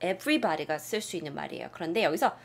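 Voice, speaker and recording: A young woman teaching English in a casual video lesson, acting out example lines with big jumps in pitch and dropping to a whisper for asides. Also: expressive, a little fast, gravelly.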